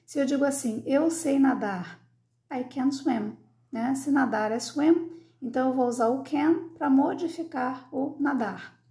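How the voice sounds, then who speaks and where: A woman's voice: high-pitched, unhurried, mellow. A Brazilian woman teaching English grammar, patiently repeating her examples and checking in with her listeners as she goes. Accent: Brazilian Portuguese. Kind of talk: explaining grammar to learners.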